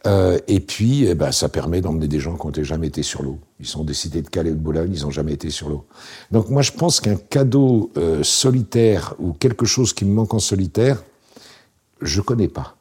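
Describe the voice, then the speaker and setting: Casting: man, late 60s, low voice, very husky, relaxed wry storyteller. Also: brisk. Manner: relaxed, wry, anecdotal with frequent fillers. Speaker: interview guest, founder. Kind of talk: casual storytelling interview.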